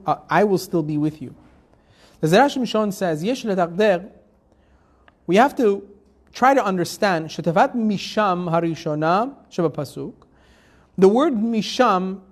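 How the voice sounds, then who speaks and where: Teaching a live Torah class, this rabbi speaks at a measured pace in a high, expressive voice. He reads Hebrew verses, translates each phrase, and asks rhetorical questions conversationally, often restarting and using fillers.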